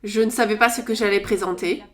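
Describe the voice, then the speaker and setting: A woman's voice: mid-range voice, fairly even intonation. A woman interpreting a religious talk phrase by phrase, sometimes correcting herself mid-word. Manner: quick, with small self-corrections. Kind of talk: consecutive interpreting of a sermon.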